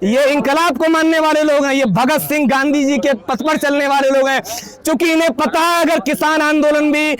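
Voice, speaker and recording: A man with a strikingly high voice delivers an impassioned protest speech outdoors. He speaks in a fiery, rhetorical way, firing off pointed lines and rallying the listeners. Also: steady tone, moderate pace, fairly bright tone. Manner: fiery, rhetorical, leads chants.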